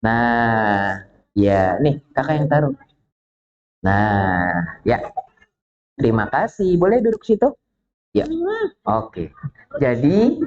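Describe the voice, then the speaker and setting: Lady telling kids a story in a mosque, slow and playful, dull lo-fi sound. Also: sits low. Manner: animated, playful, asks the children questions. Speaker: children's religious teacher. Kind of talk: storytelling lesson for children. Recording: dull lo-fi recording.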